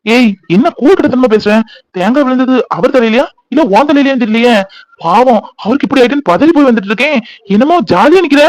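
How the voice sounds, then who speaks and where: A young man voicing a hot-tempered village fiancé in a cartoon, who scolds quickly, then turns tender. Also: very high-pitched, animated, no room sound, rough recording. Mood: scolding.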